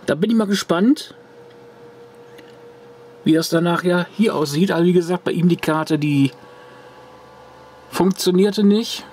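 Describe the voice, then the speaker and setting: A man's voice: sits high, measured pace, pauses often, a little mellow, slight background noise. A man casually showing a corroded circuit card to the camera at his home workbench, rambling with restarts and fillers. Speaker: retro computer hobbyist. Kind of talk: casual show-and-tell vlog.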